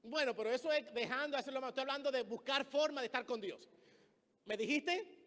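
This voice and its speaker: With a Dominican Spanish accent and a very high, fairly bright voice, a pastor from the Dominican Republic delivers a brisk sermon. He narrates stories, impersonating the people he quotes, while the church hall adds a long reverb.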